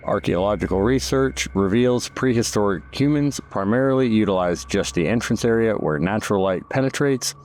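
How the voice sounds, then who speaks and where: A man's voice: fairly low pitch, lively intonation, moderate pace, hardly any pauses, a little mellow, a little hiss or hum. A man reading scripted, informative narration in a formal tour-guide manner.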